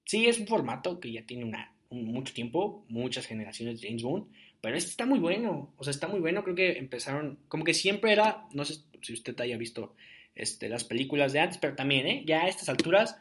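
A man's voice: fairly high pitch, animated, fairly quick, a bit bright. Chatty young man podcasting. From Jalisco, Mexico. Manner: rambling, chatty, many fillers. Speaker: podcast host. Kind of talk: casual solo podcast monologue.

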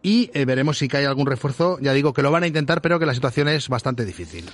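A man's voice: mid-range voice, expressive, fast talker, dry recording. A man with an accent from Spain giving a live sports news report on the radio. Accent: Spanish from Spain.

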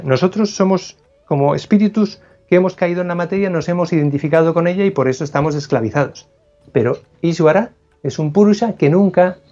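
A man's voice: sits high, warm tone, dull audio. A man, a philosophy scholar, explaining ideas as an interview guest, thoughtful and prone to restarts and self-corrections.

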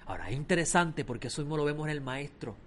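A man preaching a sermon, telling stories with lively swings between loud emphasis and quiet asides. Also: fairly high pitch, rapid-fire, a little hiss or hum.

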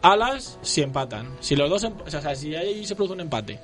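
A man in a casual football chat, opinionated and animated, speaking as a fan. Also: on the high side, moderate pace, soft background music.

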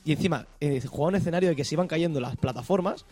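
Fast-talking man with a dark voice. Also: on the high side, faint music behind. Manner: hesitant, self-correcting. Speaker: podcast co-host. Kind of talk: casual gaming chat.

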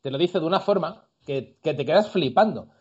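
A man from Andalusia, hosting a casual discussion and arguing his points with lively examples. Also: on the high side, brisk, breathy edge, highs cut off. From Andalusia, Spain. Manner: lively, opinionated, argues with examples.

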